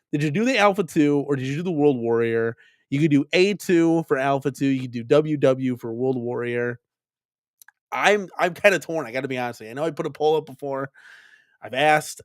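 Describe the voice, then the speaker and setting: A fairly high-voiced man talks casually into a dry, close mic, rambling as he hosts a live stream about home arcade machines. He keeps repeating himself and tags on "right?" and "like" as he thinks out loud. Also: no echo. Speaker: arcade collector vlog host.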